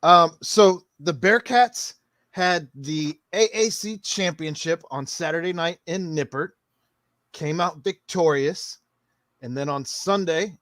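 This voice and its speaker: A man hosting a casual sports podcast, steering the talk from topic to topic in a relaxed, conversational way. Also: on the high side, dry recording, studio quality. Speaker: podcast host.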